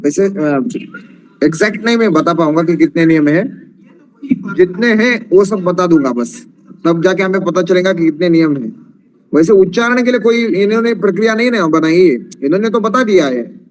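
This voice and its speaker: High-voiced man teaching Sanskrit pronunciation. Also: animated. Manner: patient explaining, chants verses slowly with drawn-out vowels. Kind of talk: online class teaching.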